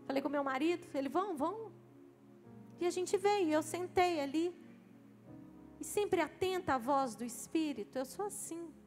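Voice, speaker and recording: High-voiced woman preaching in church. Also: normal speed, darkish tone, in a large hall, faint music behind. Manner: storytelling with quoted dialogue, rising to fervent preaching. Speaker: pastor. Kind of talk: sermon testimony. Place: church service.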